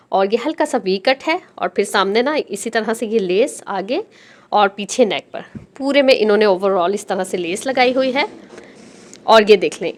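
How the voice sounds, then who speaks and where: A woman hosting a stitching tutorial, chatting directly to her viewers as she walks step by step through dress design details. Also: medium pitch. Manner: explains garment details step by step. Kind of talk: casual dress design walkthrough.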